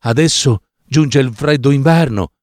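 A man's voice: mid-range voice, a little slow, a little mellow, no room sound, studio quality, natural voice. A man doing a kind swallow in a storybook. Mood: gentle offer. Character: kind female swallow, caring and gentle.

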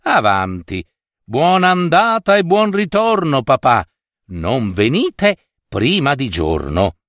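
A man's voice: mid-range voice, huge pitch swings, slow, fairly bright tone, no room sound, clean studio sound, full character voice. A man voicing the ogre's young daughter, a coaxing, cunning girl in a fairy tale reading. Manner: coaxing, persuasive.

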